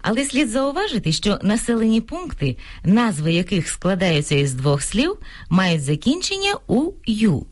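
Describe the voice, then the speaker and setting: A woman co-presenting a scripted radio talk on grammar, reading out examples in a clear, deliberate way. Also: medium pitch, sing-song. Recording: radio studio broadcast.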